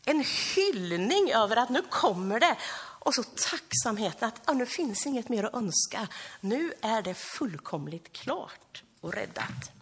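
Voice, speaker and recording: A Swedish woman preaching a sermon during a church service, acting out the cries of the people with lively expression. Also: a little high, husky. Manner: animated, acts out cries of the people. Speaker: pastor.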